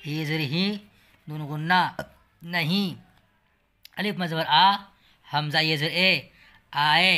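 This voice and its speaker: Urdu-accented guy teaching reading, goes super slow letter by letter, clear smooth voice. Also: on the high side, pushed and bright. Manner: spells each word letter by letter and vowel sign, then reads it whole. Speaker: language teacher. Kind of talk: slow spelling-out reading lesson.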